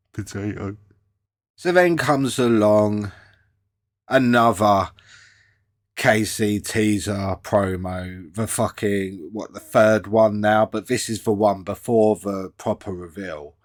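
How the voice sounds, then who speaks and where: A man's voice: lowish voice, fairly even intonation, slow pace. A man doing sarcastic commentary on clips, swearing a lot and mocking what he watches. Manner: profane, mocking, lots of swearing. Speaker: commentary host reacting to clips.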